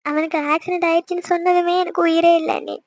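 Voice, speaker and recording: A woman voicing a distraught middle-aged mother who pleads and repeats herself over her injured son, for an amateur animated serial. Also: very high-pitched, fast, no room sound.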